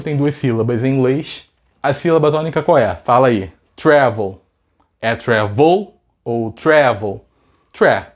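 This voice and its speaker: A man's voice: mid-range voice, a little mellow. A man with a Brazilian accent teaching English in a casual video lesson, chatty and full of rhetorical questions. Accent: Brazilian Portuguese.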